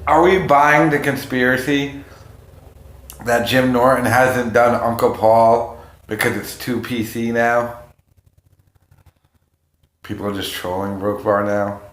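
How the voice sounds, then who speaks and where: A man's voice: mid-range voice, steady tone, slow, pauses often, fairly bright tone. A man chatting casually and profanely as a livestream host, rambling and jumping from topic to topic. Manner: rambling, jumps between topics. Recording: roomy, echoing room sound.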